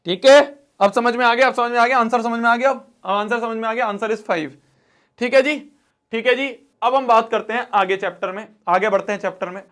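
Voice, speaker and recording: A man's voice: very high voice, fairly even intonation, a little fast, fairly bright tone. A young man teaching math in a live online class, repeating himself and half-scolding, half-pleading with his students.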